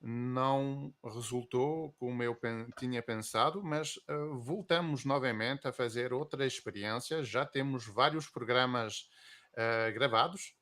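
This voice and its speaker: A slow-speaking man gives reflective interview answers. He pauses often and fills the gaps with drawn-out "ahm" and "eh" sounds while he picks his words. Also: medium pitch, a bit bright. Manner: reflective, hesitant with many drawn-out fillers. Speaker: guest.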